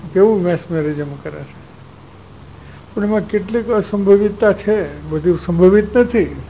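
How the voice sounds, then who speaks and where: A man's voice: high-pitched, dark tone, slight background noise, poor audio. A man, a spiritual teacher giving a discourse who tells stories and acts out exchanges. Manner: storytelling, acts out exchanges, chuckles.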